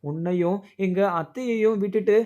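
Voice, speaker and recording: A man's voice: high voice, moderate pace, mellow, dull audio, natural voice. A man reading the lines of a remorseful young wife who apologizes and repeats herself.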